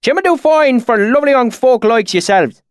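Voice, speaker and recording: A man's voice: very high voice, expressive, normal speed, no room sound, studio quality, voice pushed up. A man voicing a weathered rustic swineherd who speaks in a thick, oily country dialect. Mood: friendly.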